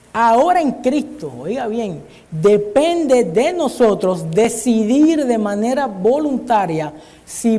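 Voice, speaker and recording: A man with a high-sitting, warm voice preaches a Bible study sermon in a church hall, earnestly and often addressing his listeners as brother. The recording carries a long church-hall reverb.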